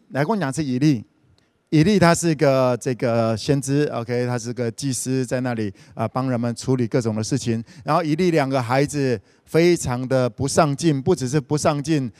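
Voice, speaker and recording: A man's voice: on the high side, no room sound, studio quality. A man preaching in a casual, storytelling way, retelling a scripture story playfully with frequent interjections. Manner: chatty, retells scripture scenes playfully, sprinkles "OK".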